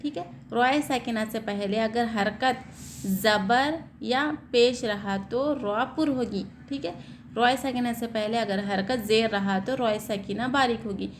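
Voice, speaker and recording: A woman teaching Quran reading, asking questions and answering them herself, then spelling out and reciting words slowly. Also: fairly high pitch, a little hiss or hum. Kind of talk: step-by-step recitation lesson.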